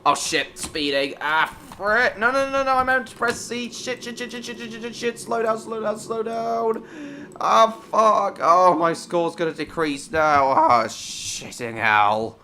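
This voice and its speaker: Chatting casually while gaming, this Hong Kong live streamer answers viewers by name, rambling and repeating himself and swearing in bursts at game mishaps. His high, bright voice keeps a measured pace over slight background noise.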